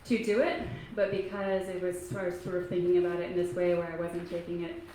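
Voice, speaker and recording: A woman in her thirties from Kentucky, an author, gives an informal talk to a library audience. She has a fairly low pitch and level tone, speaking softly and haltingly with many pauses and frequent ums. The public library meeting room is echoey, with faint noise.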